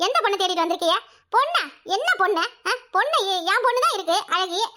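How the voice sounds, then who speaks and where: A woman voicing a sharp-tongued, quarrelsome village housewife in a cartoon, with a Kanyakumari Tamil accent and a rapid, scolding manner. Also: extremely high pitch, big pitch swings, heavily acted. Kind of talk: cartoon voice acting.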